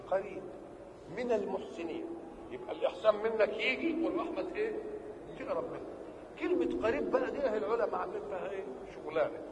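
Egyptian guy teaching religion, kinda high voice, asks and answers his own questions, echoey hall. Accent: Egyptian Arabic. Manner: stretches key words slowly for emphasis. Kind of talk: religious lesson. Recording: reverberant hall with faint background noise.

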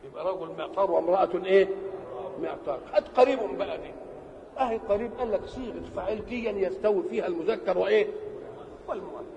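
A man with an Egyptian Arabic accent giving a religious lesson. He asks questions and answers them himself, and he stretches key words slowly for emphasis. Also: sits high, creaky, darkish tone, dull audio. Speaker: religious teacher. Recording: reverberant hall with faint background noise.

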